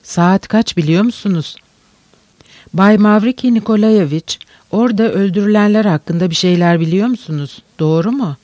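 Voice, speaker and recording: An anxious, bewildered young woman in a storybook reading, firing short urgent questions, read by a male narrator in his own high voice. The sound is close and dry. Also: moderate pace, darkish tone, dry recording, close to an everyday voice.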